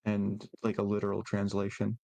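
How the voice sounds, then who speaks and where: A man's voice: lowish voice, monotone, normal speed, creaky, warm tone, dry recording. A man in casual conversation who speaks hesitantly, often stammering as he explains. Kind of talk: casual chat.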